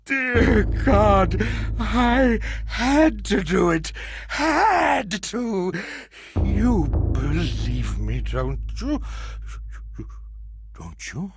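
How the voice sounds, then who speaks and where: A man playing a half-mad male survivor in a horror monologue, lurching between hushed whispers, manic laughter and shouts. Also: high voice, big pitch swings, drawn-out words, noisy background, heavily acted. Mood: pleading, unhinged. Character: half-mad male survivor raving about monstrous parasites.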